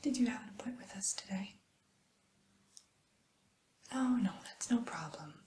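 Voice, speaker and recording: Female ASMR whisperer, mellow and hushed, gentle receptionist roleplay, unhurried with soft hesitations. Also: mid-range voice, animated, slight background noise. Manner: soft unvoiced whisper, slow and soothing.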